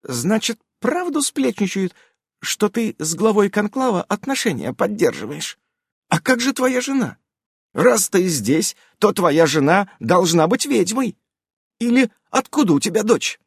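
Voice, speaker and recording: A man's voice: high-pitched, sing-song, measured pace, breathy edge, dry recording, studio quality, pitched above the performer's own voice, exaggerated voice. A man voicing a fawning, guilty young female fox werewolf witch who whines and ingratiates herself, in a read-aloud story. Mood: gossipy. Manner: whining, ingratiating.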